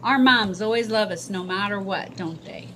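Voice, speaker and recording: An older woman, a sweet old lady reading a children's storybook aloud like a grandmother to little listeners, in a gentle, engaging way. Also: medium pitch, moderate pace. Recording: faint background noise.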